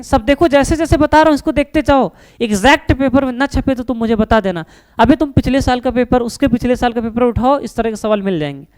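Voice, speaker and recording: A man's voice: very high-pitched, a little mellow, clean tone. A male teacher giving an online chemistry lesson. He asks his own questions and answers them, and often calls the students his children.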